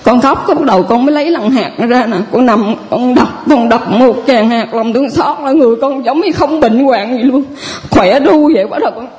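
Southern Vietnamese woman, parish testimony, halting and rambling, keeps restarting. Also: on the high side, a little mellow, slight background noise. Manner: halting and rambling, with many restarts and laughs through tears. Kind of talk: spoken personal testimony.

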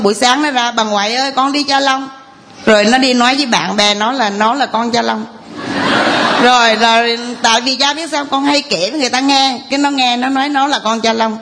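A woman's voice: high voice, fairly bright tone, slight background noise. Earnest woman testifying. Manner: rambling, earnest storytelling addressed to a priest. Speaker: parishioner giving testimony. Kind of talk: tearful church testimony. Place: church.

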